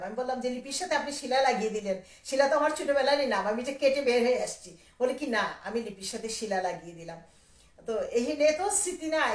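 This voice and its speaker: A woman from Sylhet, a poet and writer, reminiscing in a rambling, animated way and quoting others in dialogue during a live video. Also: on the high side. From Sylhet, Bangladesh. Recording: echoey room, voice a little far from the mic.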